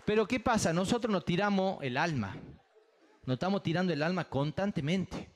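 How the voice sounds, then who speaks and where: Bawdy comic. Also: male voice, sits high, animated, moderate pace. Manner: bawdy, storytelling, punchy rhythm. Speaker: stand-up comedian. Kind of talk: live stand-up comedy. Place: theater stage.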